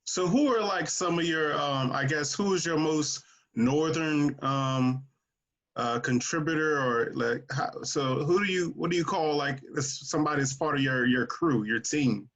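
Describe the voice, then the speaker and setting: A man hosting a podcast interview over a video call, laid-back and joking, with halting, restarting questions. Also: fairly high pitch, fairly bright tone. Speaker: podcast host. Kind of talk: casual interview chat.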